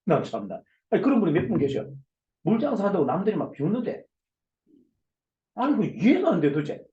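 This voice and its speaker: A man leads an online business lecture, speaking loudly and emphatically as he hammers home one rhetorical question after another. His voice sits fairly high and swings widely in pitch. The call audio is echoey and muffled. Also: wildly swooping pitch, a little fast. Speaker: company CEO giving a business lecture. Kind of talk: forceful motivational lecture. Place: online video session. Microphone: video call.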